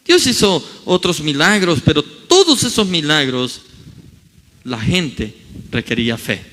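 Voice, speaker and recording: A man preaching from the pulpit, his voice high and lively with wide pitch swings. He acts out the scripture quotes as he goes. A long church reverb trails each phrase. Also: unhurried. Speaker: pastor. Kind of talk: sermon. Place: church hall.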